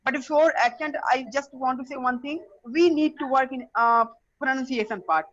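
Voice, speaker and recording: A woman with an Indian English accent shares advice in a casual group discussion, her voice high and her delivery earnest, full of fillers and restarts. It sounds like a phone voice note, dull and lo-fi. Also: moderate pace, fairly bright tone. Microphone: phone voice message.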